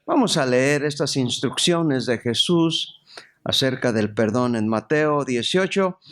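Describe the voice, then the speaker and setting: A male pastor from Mexico, preaching a sermon, telling humorous stories and then reading scripture aloud. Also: sits high. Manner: storytelling with lively jokes and scripture reading.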